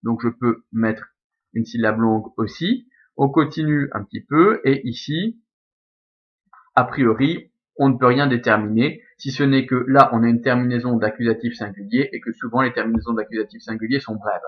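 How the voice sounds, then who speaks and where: A man with a Belgian French accent teaching a Latin lesson, explaining each step slowly and methodically with lots of repetition. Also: medium pitch. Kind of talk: screen-recorded lesson explaining Latin scansion. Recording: slightly dull lo-fi recording.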